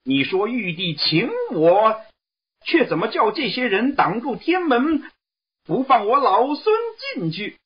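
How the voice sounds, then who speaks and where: A man voicing a brash, cocky male monkey king in a shrill, excited voice for a read-aloud story. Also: slow, husky, full character voice. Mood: indignant. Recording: dull lo-fi recording.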